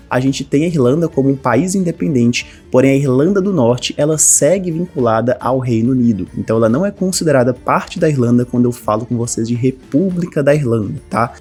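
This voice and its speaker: Brazilian male teacher, lively and direct to camera, slightly husky voice, faint music bed. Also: mid-range voice, a little fast, few pauses. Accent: Brazilian Portuguese. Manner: lively, addresses viewers directly as a group. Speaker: English teacher. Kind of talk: online language lesson.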